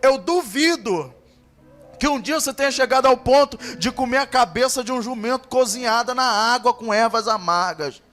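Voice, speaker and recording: A man with a notably high voice preaches at a church service, retelling a story with dramatic flair. He drops to near-whispers and then climbs to fervent, ringing peaks. Soft music plays faintly beneath him. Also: moderate pace. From Brazil. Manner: impassioned, swings from hushed to loud. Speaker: pastor.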